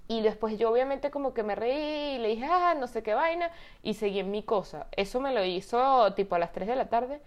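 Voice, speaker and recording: Young Venezuelan-accented woman, twenties, lively exasperated storyteller, high-pitched. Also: a little fast, hardly any pauses, highs cut off. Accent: Venezuelan Spanish. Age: 20s. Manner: animated, exasperated, swears freely. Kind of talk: casual chat, storytelling.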